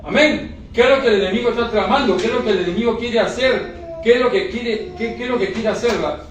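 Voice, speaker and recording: High-voiced preacher in an echoey room. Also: male voice, quick pace. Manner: emotional, repeats phrases, asks the congregation questions. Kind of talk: sermon. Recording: echoey room, recorded from far off, faint noise.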